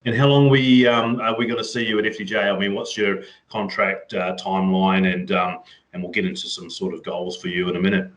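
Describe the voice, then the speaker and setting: A man's voice: low voice, level tone, a little fast, fairly bright tone, dull audio. A man interviewing a cyclist, asking long rambling questions full of "you know" and "um". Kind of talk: casual interview.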